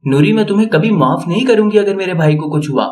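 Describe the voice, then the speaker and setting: A man's voice: sits high, expressive, darkish tone. A man voicing an angry, grieving young woman who accuses a friend of hurting her brother, in an audio story. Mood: accusing. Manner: pleading, accusing.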